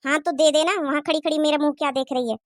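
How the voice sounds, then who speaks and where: A woman's voice: high-pitched, steady tone, quick pace, dry recording, clean studio sound, close to an everyday voice. A woman voicing a bossy, scornful mother-in-law in a cartoon moral story, nagging and taunting. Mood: scolding.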